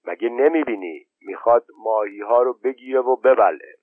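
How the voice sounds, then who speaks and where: A man's voice: mid-range voice, dry recording, natural voice. A man voicing a pious older village man who wonders aloud, on a tinny, narrow-band recording. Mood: wondering.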